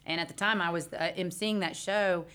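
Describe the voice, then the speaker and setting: A woman musician with a Texan accent, a guest in a casual interview who tells stories with lively asides. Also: on the low side, clear, resonant tone. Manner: lively storyteller, quick, laughing asides. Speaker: band member guest.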